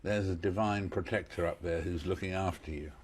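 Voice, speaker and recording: A man's voice: sits low, fairly even intonation, fairly quick, darkish tone, husky. A male interviewer who introduces his guest and asks long questions, often repeating words as he frames them. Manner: hesitant, repeats words while framing questions. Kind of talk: broadcast interview.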